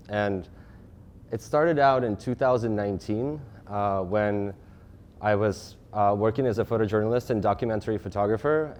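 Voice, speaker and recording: A man in his thirties from Russia giving a lecture presentation, talking fast, with frequent restarts and fillers. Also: on the low side, darkish tone, a little hiss or hum. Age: 30s. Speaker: guest speaker.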